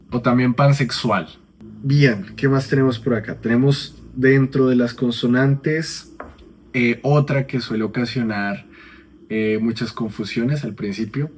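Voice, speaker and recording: A man teaching the Ancient Greek alphabet in a relaxed classroom manner, often checking in with his students. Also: lowish voice, a little hiss or hum. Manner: conversational, checks in with "¿no?" and "¿sí?".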